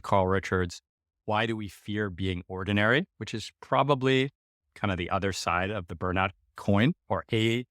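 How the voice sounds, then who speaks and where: An American man hosts a podcast, talking in a loose, animated, rambling way and dropping the odd swear word. His voice sits somewhat low for a man. The sound is close and dry, with no room around it. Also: dry recording. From United States. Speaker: podcast host. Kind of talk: casual conversation.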